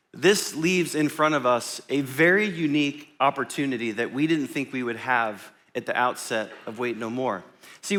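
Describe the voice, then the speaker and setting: A man's voice: a little high, sharp tone. A man speaking as a pastor in a motivational pep talk to his congregation, emphatic and informal, repeating himself and asking rhetorical questions. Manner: informal, checks in with listeners. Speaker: pastor addressing his church.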